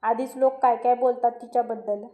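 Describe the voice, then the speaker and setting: A woman's voice: a little high, steady tone, a little fast, warm tone, close to an everyday voice. A woman voicing an arrogant young man who talks rudely and sneers. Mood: insolent. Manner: rude, sneering. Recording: roomy echo.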